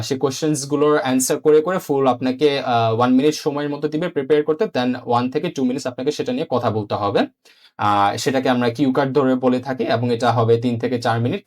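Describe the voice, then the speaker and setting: A man teaching a beginner exam-prep lesson, explaining patiently and often repeating himself, with English terms mixed in and frequent "uh" fillers. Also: mid-range voice. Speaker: IELTS teacher.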